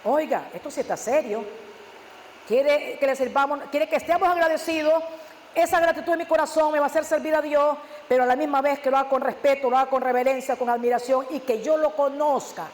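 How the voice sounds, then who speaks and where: A male pastor preaches fervently, firing rhetorical questions and sudden loud emphasis. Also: very high-pitched, fairly quick, slight background noise. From Nicaragua. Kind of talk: sermon. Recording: echoey church hall with long reverb.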